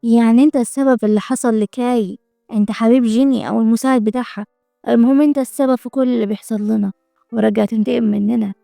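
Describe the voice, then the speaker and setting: A woman's voice: fairly high pitch, fairly even intonation, racing, gravelly, mellow, no room sound, clean studio sound, soft background music. A woman with an Egyptian accent voicing a cruel, taunting young woman in a storybook-style recap. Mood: scheming. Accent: Egyptian Arabic. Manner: mocking, venomous.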